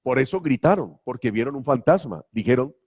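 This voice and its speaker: A man's voice: medium pitch, lively intonation, fairly quick, darkish tone, breathy edge. A man preaching a sermon as pastor, emphatic and full of rhetorical questions. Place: church.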